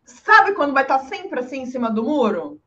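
A woman's voice: sits high, normal speed. A woman in a casual advice chat, speaking animatedly and often acting out what other people say. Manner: animated, often acts out quoted speech. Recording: dull lo-fi recording.

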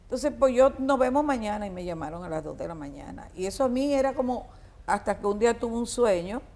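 Older Dominican woman reminiscing haltingly. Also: medium pitch, animated, a little mellow. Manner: halting, with many fillers, restarts and laughs. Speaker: guest singer. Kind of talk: reminiscing interview talk.

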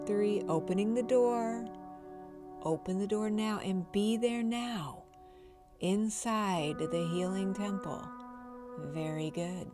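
A woman leading a guided meditation in a soft, soothing, unhurried spa-like voice, repeating words as she goes. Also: mid-range voice. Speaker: host of a healing show and guided-journey leader. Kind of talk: slow guided meditation narration. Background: music behind the voice.

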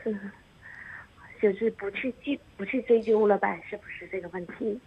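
A woman's voice: mid-range voice, moderate pace, husky. A woman, calling into a radio show, hesitant and stammering. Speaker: caller. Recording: tinny phone line.

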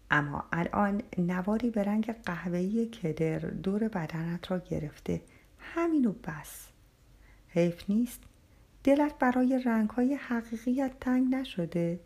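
A woman voicing a calm, firm wandering dervish. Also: mid-range voice, close to an everyday voice. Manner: quiet and steady, often half-whispered.

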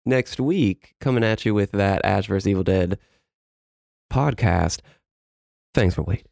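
A man's voice: on the low side, unhurried, creaky, a little mellow, no room sound, clean studio sound. A man co-hosting a podcast, chatting casually and joking, full of "like" and "you know.". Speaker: podcast co-host. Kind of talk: casual chat.

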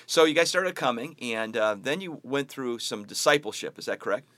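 A male pastor leads a casual interview with one of his members, chuckling along and filling the gaps with quick yeahs. His voice sits at an average pitch. It is recorded close and dry, with no room sound. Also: animated, a bit bright, dry recording. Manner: laughs often, affirms with frequent yeahs.

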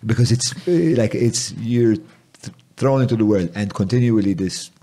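A male podcast host asks questions in a reflective, halting manner, often restarting with filler words. His voice is low in pitch and has a mellow, relaxed tone. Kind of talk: conversational interview.

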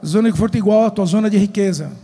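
A man's voice: high voice, racing, mellow. A man interpreting a motivational business talk live, delivering it phrase by phrase in short bursts. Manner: echoing the speaker phrase by phrase. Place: large echoey room with an audience. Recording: echoey hall with long reverb.

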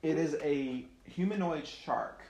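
A woman narrating a family tabletop game as game master, in a casual, halting way with frequent restarts. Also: deep voice, animated, creaky, warm tone. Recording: echoey room with faint noise.

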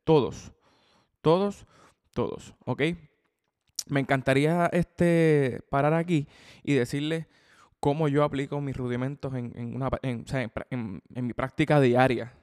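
This man, a drum teacher with a podcast, talks through a casual spoken lesson in a chatty way, often repeating words, restarting phrases and checking in with the listener. His voice is a little mellow and medium-pitched, with fairly even intonation at normal speed, heard through long hall reverb.

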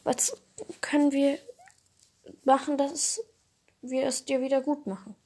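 A woman's voice: high voice, flat delivery, unhurried, darkish tone, voice pushed up. A woman voicing a group of small fire lizard creatures who talk in a raised, mocking and boastful way in a storybook tale. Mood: frightened.

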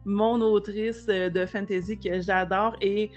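A woman's voice: mid-range voice, steady tone, a little slow, highs cut off, faint music behind. A woman with a Québécois accent hosting a casual podcast interview, enthusiastic and affirming. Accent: Québécois French. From Quebec. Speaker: podcast host.

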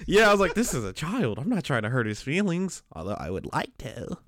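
A man's voice: a little high, big pitch swings, a little fast, a bit bright, no room sound. A man co-hosting a podcast, telling slangy, laid-back stories about his work as a teacher in a casual chat. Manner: laid-back, slangy storytelling with frequent restarts. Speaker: podcast co-host; special education teacher.

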